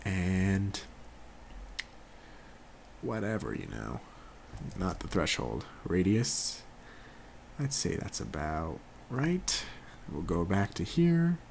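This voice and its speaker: A young man with a deep, lively voice walks through a software tutorial in an easy, joking way, correcting himself as he goes. There is a faint hiss of noise behind him. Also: slow pace, gravelly, long pauses. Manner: laid-back, jokey, self-correcting, talks while working. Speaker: tutorial host. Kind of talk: casual screen-recorded software tutorial.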